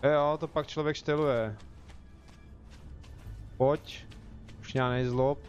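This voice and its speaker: A man's voice: mid-range voice, fairly even intonation, lo-fi sound, soft background music. A young man with a Czech accent, chatting casually as he streams a game and jokes with his viewers. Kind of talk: casual live gameplay commentary.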